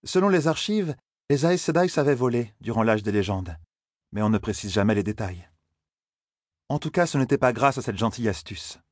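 A man's voice: medium pitch, lively intonation, normal speed, darkish tone, no room sound, close to an everyday voice. A powerful older sorceress ruler speaks with cool, mocking condescension, as a man voices her. The sound is close and dry, in the style of a dramatized audiobook. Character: stern, powerful older woman leader of a sorcerous order.

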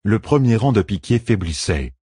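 A man narrating an audiobook with a measured, expressive reading. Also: lowish voice, slightly rough, no echo, studio quality.

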